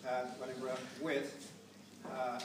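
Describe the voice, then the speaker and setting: At a memorial gathering, an older family member gives an informal, unscripted speech that halts and drifts between asides, his mid-range voice monotone. He's recorded from afar in a large, very echoey room with noticeable background noise.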